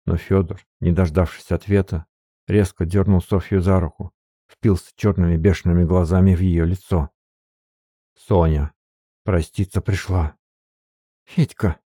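A man narrating an audiobook in measured storytelling. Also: sits low, flat delivery, mellow, no echo, studio quality. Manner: measured storytelling, also reading the characters' lines. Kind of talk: scripted narration.

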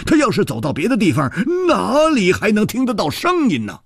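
A man voicing a brash, impatient male swordsman who stammers in high, excited bursts. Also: brisk, vocal fry, husky, no room sound, clean studio sound, full character voice.

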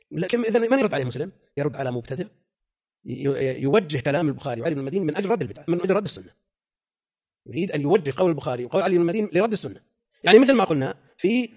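Older male scholar lecturing on a classical text, husky, very fast, firm. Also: fairly high pitch, a little mellow. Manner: rapid, emphatic, rhetorical questions. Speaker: scholar teaching hadith terminology.

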